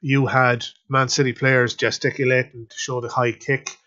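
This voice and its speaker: A man's voice: medium pitch, flat delivery, normal speed, pushed and bright. Man, podcast host, casual match review, rambling, restarts a lot, muffled audio. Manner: rambling with frequent fillers and restarts. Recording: slightly dull lo-fi sound.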